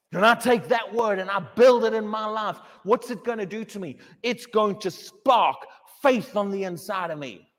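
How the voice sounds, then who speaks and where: A man's voice: high-pitched, normal speed, few pauses, big-room sound. A pastor preaching a sermon in a church, emphatic and questioning, often repeating his words.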